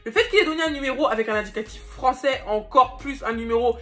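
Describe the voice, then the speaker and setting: Fast-talking woman telling a storytime vlog. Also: on the high side, soft background music. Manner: animated, addresses viewers directly. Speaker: vlogger.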